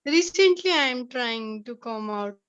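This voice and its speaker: A woman's voice: a little high, expressive, unhurried, fairly bright tone. A woman from Nepal taking part in an online workshop, answering hesitantly and briefly. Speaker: workshop participant. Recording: dull audio.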